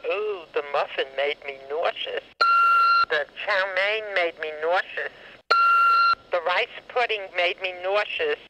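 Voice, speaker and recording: An older woman leaving fussy, worried voicemail messages for her daughter, played back from an answering machine. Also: medium pitch. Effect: answering machine voicemail playback. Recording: dull lo-fi answering machine tape, faint hiss.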